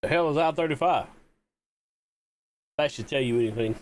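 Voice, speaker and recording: A male streamer talks casually over his game, ribbing his friends and cursing as he jokes. His voice sits a little above the usual male pitch. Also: normal speed. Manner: joking, teasing banter with swearing. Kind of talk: casual gaming stream chat.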